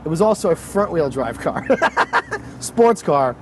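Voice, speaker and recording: A man talks casually outdoors, rambling through enthusiastic explanations and stopping often for fillers. His voice sits a little high for a man. Loud street and traffic noise runs under the whole recording. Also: very animated, takes it slowly. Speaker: car owner guest. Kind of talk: casual chat. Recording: noisy outdoor street sound.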